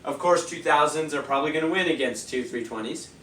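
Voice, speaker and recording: A man with a slightly high, somewhat bright voice talks fast as he rambles through a casual review of party speakers, full of fillers. He sounds sniffly and a little nasal from a cold. He's far from the mic in an echoey room with slight background noise.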